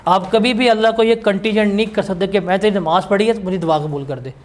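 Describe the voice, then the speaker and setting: A man's voice: sits high, quick pace. A male teacher giving a classroom lecture in a blunt, scolding, emphatic way.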